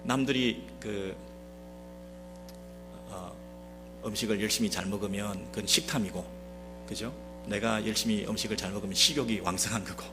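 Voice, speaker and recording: A man's voice: lowish voice, steady tone, normal speed, pauses often, music in the background. A Korean man preaching a Sunday sermon as a pastor, speaking straight to the congregation with many rhetorical questions. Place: church sanctuary.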